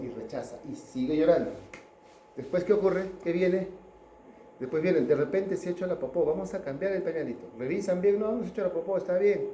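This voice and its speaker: A man's voice: fairly high pitch, mellow, echoey room, slight background noise, low-quality recording. A man giving a pediatrics class lecture, chatting with students and asking them questions.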